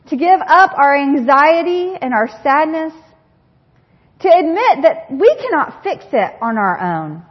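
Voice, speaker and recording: Woman preacher, 30s, high voice, earnest storyteller; muffled, dull recording. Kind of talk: sermon. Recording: dull recording with long hall reverb.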